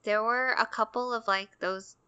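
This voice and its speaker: A young woman chats casually on a podcast, spinning a story and acting out the voices of the people in it. Her voice sits a little high and sounds bright, smooth and clear. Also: steady tone, moderate pace, dull audio. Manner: chatty storytelling, acts out quoted lines. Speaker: podcast co-host.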